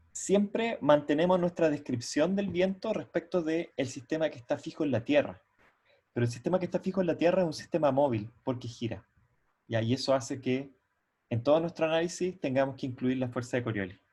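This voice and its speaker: Animated and warm, with a husky voice on the high side, a man delivers an online university lecture over a video call using a computer mic. He takes things step by step, regularly checks that students are with him, and speaks haltingly, restarting sentences as he thinks.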